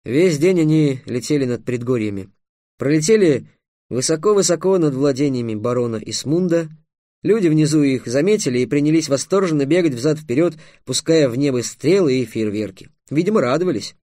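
A man narrating an audiobook in an expressive storytelling manner. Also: on the high side, fairly quick, dry recording, clean studio sound.

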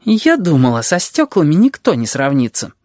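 A reader puts on a furious female teacher from an audiobook, her raised voice leaping high and low as she rants. She spits out indignant complaints. The sound is close and dry. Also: wildly swooping pitch, normal speed, darkish tone, no room sound. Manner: indignant, fuming. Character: irritable, sharp-tongued female teacher. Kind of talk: audiobook character voice.

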